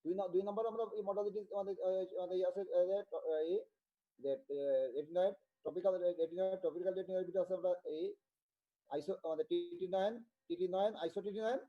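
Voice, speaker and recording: A man from Bangladesh giving an online medical tutorial, talking haltingly and repeating himself as he checks in with students. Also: high-pitched, steady tone, muffled recording. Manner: halting, repetitive, with many restarts and check-ins. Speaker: medical lecturer.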